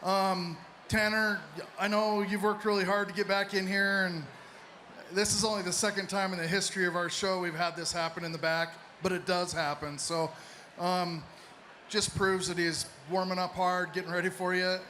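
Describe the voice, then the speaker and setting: A man hosts a live fight event, speaking off the cuff in a high, bright, forceful voice. Faint venue noise sits behind him. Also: level tone, moderate pace. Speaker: event host with microphone. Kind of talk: unscripted live event address.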